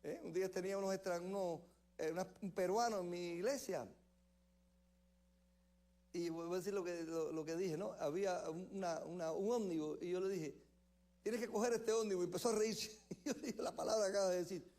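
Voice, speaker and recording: A man's voice: high voice, normal speed, mellow. A man with a Cuban accent, a pastor preaching a sermon in a church service, telling anecdotes in a joking way. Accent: Cuban Spanish. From Cuba. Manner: anecdotal, joking, laughs often.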